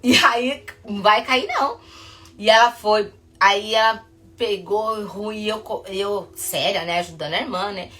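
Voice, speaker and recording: A psychotherapist chats casually to the camera, her stories rushing ahead before she stops herself. Her voice is medium in pitch and a bit bright.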